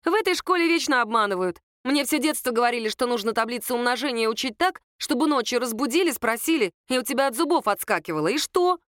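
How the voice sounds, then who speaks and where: A sulky, self-pitying young woman from a storybook, as a woman narrator puts her on, grumbling and sarcastic about her own life. Her voice sits fairly high and sounds close and dry. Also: lively intonation, fast, few pauses, a bit bright, dry recording.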